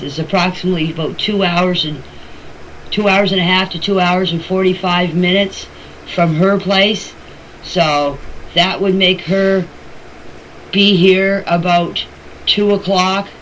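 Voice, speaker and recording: Here an older woman with a lowish, fairly bright voice talks informally into a phone voice message meant for a group chat. She comes across as emphatic and opinionated, going over the same points repeatedly amid the noise of an amateur recording.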